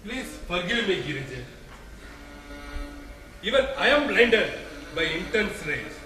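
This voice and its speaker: A man playing a mighty, hot-tempered male god on stage, declaiming in a commanding, booming way. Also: very animated, measured pace, sharp tone, full character voice. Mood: remorseful. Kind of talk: amateur stage drama. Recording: echoey hall, mic from a distance.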